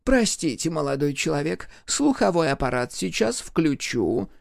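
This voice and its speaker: Crafty old granny playing deaf, high and sugary, a male narrator puts her on; lively swoops, dry close sound. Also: moderate pace, creaky, dry recording. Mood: feigned innocence. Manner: sweetly innocent, mock-deaf. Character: sly elderly grandmother feigning deafness.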